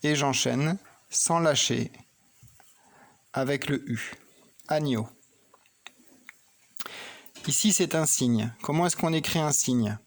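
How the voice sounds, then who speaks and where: A man with a voice on the high side speaks unhurriedly. He walks a child through reading and writing in a slow phonics and handwriting lesson, patiently explaining each pen stroke and spelling words letter by letter.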